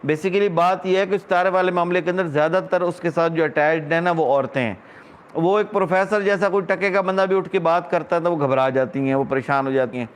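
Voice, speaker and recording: High-voiced, indignant middle-aged man. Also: clear, resonant tone. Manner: indignant, scornful ranting. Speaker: vlogger. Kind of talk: casual monologue.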